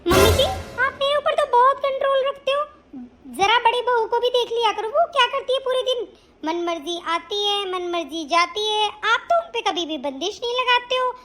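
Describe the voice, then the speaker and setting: Cartoon role: sharp-tongued young daughter-in-law, very high voice, played by a woman. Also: animated, moderate pace, faint music behind. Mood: defiant. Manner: defiant, sharp. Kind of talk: animated cartoon dub.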